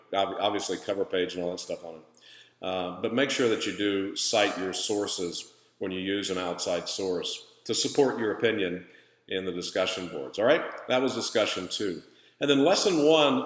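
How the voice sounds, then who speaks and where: A man giving an informal recorded lesson recap as an instructor, conversational and halting, with a hallway echo from an empty room. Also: lowish voice. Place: empty room in a new place, indoors. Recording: echoey empty room, long reverb.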